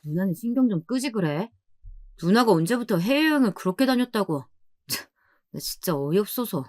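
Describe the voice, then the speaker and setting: A woman's voice: mid-range voice, normal speed, a bit bright, no room sound, clean studio sound, lightly acted. A woman voicing a young husband who snaps curtly and mutters in annoyance at his sister. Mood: irritated.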